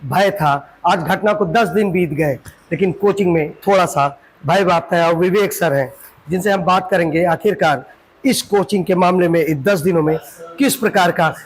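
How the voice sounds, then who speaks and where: A man's voice: sits high, moderate pace, a little hiss or hum, low-quality recording. A man interviewing, asking probing questions with hesitant fillers.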